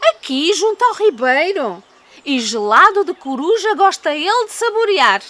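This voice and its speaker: A woman's voice: very high voice, sing-song, normal speed, fairly bright tone, full character voice. A woman with a European Portuguese accent voicing a small, cunning, boastful male mouse in a storybook, polite, teasing and dramatic. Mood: cheeky, boastful. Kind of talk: storybook character voice.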